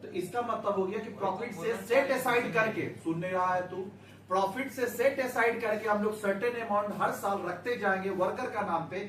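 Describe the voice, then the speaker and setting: High-pitched guy teaching accounts to a class, coaxing, keeps asking questions, echoey room, mic kinda far. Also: moderate pace, fairly bright tone. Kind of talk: classroom lecture.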